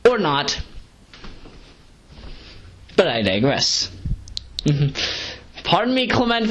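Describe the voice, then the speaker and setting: A woman vlogger paces around while recording a casual, rambling audio review, sleep-deprived but hyper, digressing and correcting herself in slangy talk. Her voice is lowish, with a little hiss or hum in the recording.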